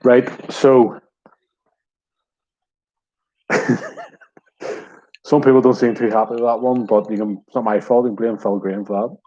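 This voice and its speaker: A man's voice: medium pitch, level tone, normal speed, warm tone, highs cut off. A man hosting an online pub quiz in a wry, self-deprecating way.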